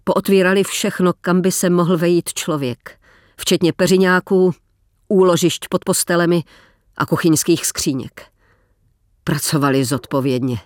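A man narrates a novel in a measured, deliberate reading, slowing for weighty lines. His voice sits a bit high for a man. The sound is close and dry with no room echo. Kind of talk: scripted audiobook narration.

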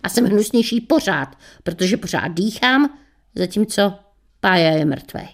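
A woman radio presenter reading her own short story aloud with wry, lively storytelling. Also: mid-range voice.

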